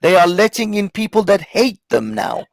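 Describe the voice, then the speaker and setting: A man originally from Iran argues his case with force and frequent swearing, repeating lines to drive them home. His voice sits high for a man and has a gravelly edge. The sound is dry and close. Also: sing-song, moderate pace, dry recording. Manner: forceful, profane, repeats himself to press a point. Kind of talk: heated casual debate.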